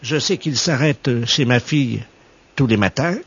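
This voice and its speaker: A man's voice: mid-range voice, moderate pace, fairly bright tone, slightly rough. A man voicing a naive, fussy older woman who rambles hesitantly on a prank phone call. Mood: innocent, rambling. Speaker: prank caller. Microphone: telephone. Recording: muffled phone line.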